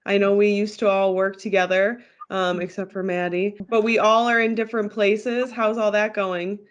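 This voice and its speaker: A woman's voice: mid-range voice, flat delivery, normal speed. A woman co-hosting a casual podcast, talking bluntly and animatedly, with free swearing. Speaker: podcast co-host.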